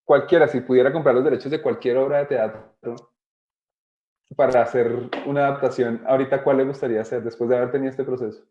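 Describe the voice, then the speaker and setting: A man's voice: medium pitch, fairly even intonation, fast talker. Colombian man hosting on a muffled call. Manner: jokey, asks short questions. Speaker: host. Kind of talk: casual interview. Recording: roomy, muffled video call.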